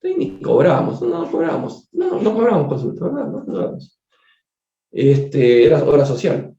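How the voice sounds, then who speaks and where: A doctor telling a case story during a spiritist book study, conversational and digressive, repeating words and turning to his listeners with quick asides. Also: a little high, huge pitch swings, mellow. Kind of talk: storytelling lecture. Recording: echoey room, dull lo-fi sound.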